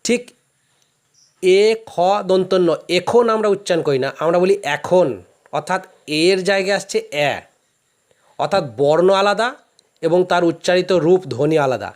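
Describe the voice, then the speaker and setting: A man's voice: high voice, normal speed, long pauses. A male teacher with a Bangladeshi Bengali accent giving a classroom lecture, explaining patiently step by step with examples.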